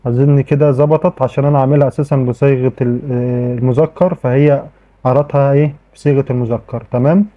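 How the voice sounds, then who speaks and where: In a medium-pitched voice with fairly even intonation, a man with an Egyptian accent moves at a quick pace through a casual screen-recorded tech tutorial. His style is chatty, with lots of "okay" and frequent sentence restarts. The sound comes through tinny, like phone audio.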